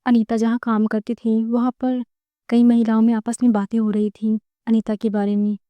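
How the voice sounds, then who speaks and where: A woman narrating a story for an audiobook, reading in a plain, steady way. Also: on the high side, normal speed, dry recording, muffled recording.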